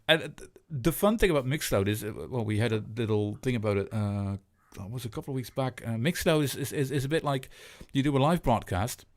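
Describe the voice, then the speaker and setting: A man's voice: mid-range voice, lively intonation, fairly quick, few pauses. A man hosting a casual live online radio chat, enthusiastic and full of repeated words and restarts. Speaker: host.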